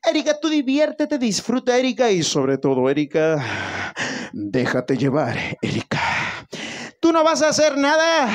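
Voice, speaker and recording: A man, a mariachi singer, hosting a live birthday serenade in a playful, teasing showman manner. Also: sits high. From Peru. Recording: loud live mariachi music behind.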